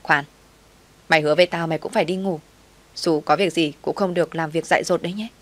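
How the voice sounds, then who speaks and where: A woman reading the lines of a brash, loyal young woman friend who talks bluntly and roughly out of worry. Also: deep voice, steady tone, quick pace. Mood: worried. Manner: blunt, rough-talking, anxious.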